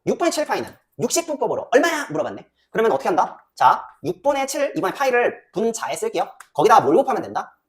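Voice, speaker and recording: Animated woman teaching math. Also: a little high. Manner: lively, banmal with quick questions to students, muttering while calculating. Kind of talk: classroom lecture.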